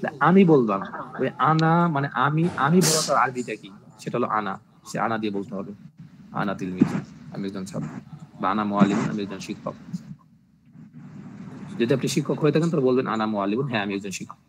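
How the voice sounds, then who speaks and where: A man teaching a language class, explaining slowly and patiently and repeating each phrase with its translation. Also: fairly low pitch. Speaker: Arabic teacher. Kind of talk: online language class in Bengali. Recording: noisy recording with clicks.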